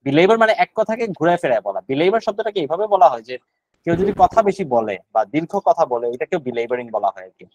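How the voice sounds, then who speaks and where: A man's voice: on the high side, sing-song, quick pace, a little mellow, no room sound, dull audio. A man with a Bangladeshi accent leading a casual online vocabulary lesson, thinking aloud and searching for words. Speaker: vocabulary session leader.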